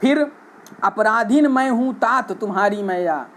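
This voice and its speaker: A man's voice: sits high, animated, measured pace, fairly bright tone, a little hiss or hum. A man teaching a Hindi poetry lesson, reciting each verse and then explaining it line by line in plain speech.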